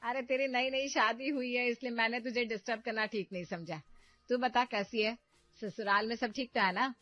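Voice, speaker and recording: A woman voicing a meddling, domineering middle-aged mother who loudly stirs up trouble in her family. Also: on the high side, steady tone, moderate pace, dry recording, muffled recording, faint music behind, pitched above the performer's own voice, natural voice. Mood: sweetly scheming.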